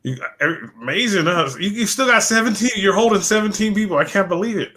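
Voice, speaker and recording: Losing his voice, which sounds worn and fading, a man hosting a late-night livestream rambles casually and repeats words as he thanks viewers by name. He speaks quickly and expressively in a high, sharp voice.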